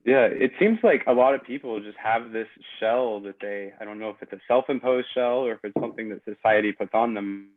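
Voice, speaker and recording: A man hosting a podcast, asking relaxed, thoughtful questions in casual conversation. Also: fairly low pitch, a little fast, few pauses. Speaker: podcast host. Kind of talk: casual interview chat. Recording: tinny phone-like audio.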